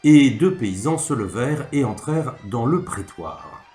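Man reading a story with expressive lilt. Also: mid-range voice, unhurried. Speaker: narrator. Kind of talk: literary reading. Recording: echoey room, faint music.

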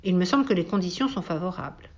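A woman reading aloud and voicing a gentle, curious little boy prince who talks in an earnest, questioning way. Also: on the low side, animated, fast, highs cut off, lightly acted.

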